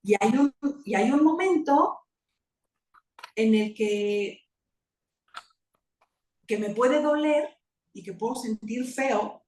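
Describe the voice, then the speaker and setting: A woman's voice: fairly high pitch, animated, slow, pauses often, darkish tone, far from the mic. A woman with a Mexican Spanish accent, talking as a guest in easy, rambling conversation. She stacks up asides and keeps checking in with little rhetorical questions. Her voice sits back from the mic in a roomy, echoing space. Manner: chatty, many fillers and asides, rhetorical "¿no?". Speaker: guest biomagnetist. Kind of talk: casual talk-show explanation.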